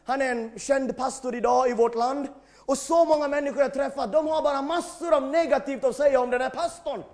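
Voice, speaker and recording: High-voiced emphatic male preacher. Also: fairly even intonation. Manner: emphatic preaching, swings between shouting and quiet. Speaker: pastor. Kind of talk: sermon.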